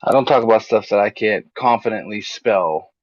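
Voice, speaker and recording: Man, mid pitch, joking casual chat, dull lo-fi call sound, dry. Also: normal speed, no room sound. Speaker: podcast co-host.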